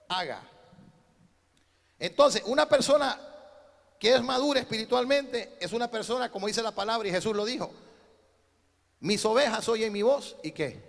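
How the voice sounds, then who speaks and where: A man's voice: extremely high pitch, creaky, big-room sound. A male pastor preaching a sermon, asking rhetorical questions and calling on the congregation to repeat after him.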